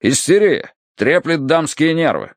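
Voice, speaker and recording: A gruff, pompous old colonel, as an audiobook narrator puts him on, barking his words in short clipped bursts. The voice sits raised and loud above the reader's own, and the recording is close and dry. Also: on the high side, sing-song, measured pace, no echo, pitched above the performer's own voice. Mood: blustering. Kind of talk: audiobook character voice.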